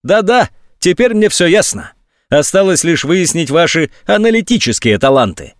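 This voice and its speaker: A man's voice: sing-song, fairly quick, dry recording, clean studio sound. Man putting on a sneering, sarcastic general. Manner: mocking, sneering, sometimes shrill. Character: sarcastic, scornful male army general on phone.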